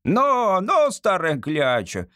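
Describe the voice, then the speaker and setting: Male reader as a drunken old cabman, bawling, coarse, wild pitch leaps. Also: huge pitch swings, slow pace, bright, forceful tone, dry recording, clean studio sound, full character voice. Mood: rowdy. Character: drunken old cab driver, coarse and rowdy.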